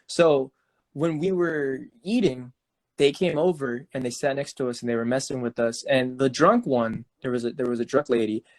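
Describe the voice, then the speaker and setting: A young man chatting on a casual podcast. He tells his story loosely, fills it with "like" and restarts his sentences, at an ordinary pitch. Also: moderate pace. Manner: animated storyteller, full of "like" and restarts, laughs often. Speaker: podcast co-host.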